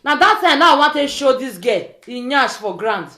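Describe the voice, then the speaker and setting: Like a social media vlogger, a high-voiced woman with a West African accent scolds in informal pidgin, very animated and at normal speed. Rhetorical questions come again and again in her rant, which echoes through a roomy space.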